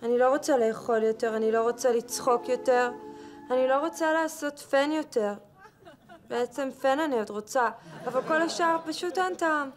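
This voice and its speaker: A melodramatic sitcom mother, played by a woman, speaking in mock-grave tones. Her voice sits a little high. Faint music plays underneath. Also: lightly acted. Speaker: sitcom character.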